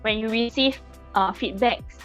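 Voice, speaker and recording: A woman's voice: fairly high pitch, a little slow, a bit bright, faint music behind. A woman in her twenties with a Singaporean English accent, a podcast guest in casual chat who laughs often and hesitates with fillers. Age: 20s.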